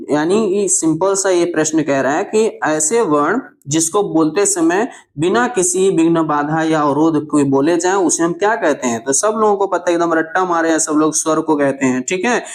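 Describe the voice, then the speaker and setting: A male teacher walks through an exam answer key. He poses each question, repeats it, and answers in a lower voice, tying it together with steady "theek hai" checks. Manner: asks each question aloud, then drops low to give the answer. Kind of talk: exam answer walkthrough lesson.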